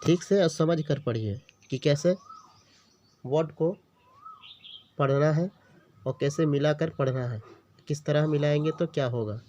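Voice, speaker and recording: Slow, patient male language teacher. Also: a little high, mellow, a little hiss or hum. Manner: patient, sounds out letters and words one by one; repeats each word, checks in with the learner often. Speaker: Urdu teacher. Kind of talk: beginner language lesson. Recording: dull lo-fi recording.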